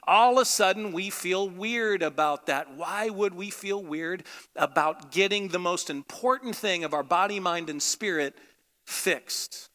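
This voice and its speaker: American guy preaching, bright forceful voice, chatty but emphatic, big echoey hall sound. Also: high voice. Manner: conversational, emphatic, repeats phrases for emphasis. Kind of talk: sermon. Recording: echoey hall with long reverb.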